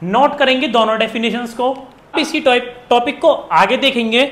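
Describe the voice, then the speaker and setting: A man from India teaching a physics lesson, repeating key phrases and dictating definitions slowly word by word. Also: very high-pitched, fairly bright tone. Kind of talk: classroom physics lesson in Hindi and English. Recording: echoey room.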